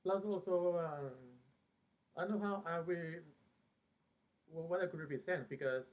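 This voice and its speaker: A fan vlogger with a fairly high pitch chats informally about a TV show he recalls, pausing often in the middle of his sentences. He was born in Peru and later lived in America, and his audio comes through thin, as if over a phone.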